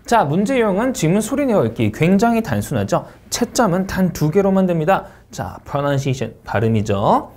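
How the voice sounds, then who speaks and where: Man, test-prep instructor, lively pitch, coaching students, repeats words with rising and falling tones. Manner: addresses students directly, coaching tone. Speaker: TOEIC Speaking instructor. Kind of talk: online exam-prep lecture.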